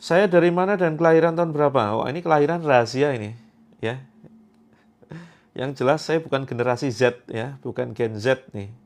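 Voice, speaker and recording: A man in his thirties from Indonesia hosts a Quran therapy livestream, reading viewer comments aloud in a chatty, joking way. His voice is medium-pitched and moderately paced, and he repeats his points for emphasis.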